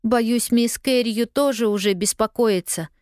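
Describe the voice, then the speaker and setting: A woman's voice: on the high side, a little slow, darkish tone, dry recording, clean studio sound, voice pushed up, natural voice. A woman voicing a lost young girl who is tearful yet stubbornly cheerful, talking in an eager, pleading way.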